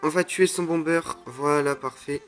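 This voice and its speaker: A young man commenting live on his own mobile game matches, excitable, groaning and exclaiming at each play. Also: on the high side, moderate pace. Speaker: gaming YouTuber. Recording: faint music under the voice.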